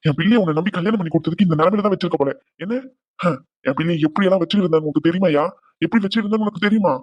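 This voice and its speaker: A man's voice: high voice, rapid-fire, no echo. A man voicing a protective older cartoon father who soothes his daughter and scolds her husband. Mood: angry. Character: protective older father, fierce toward his son-in-law.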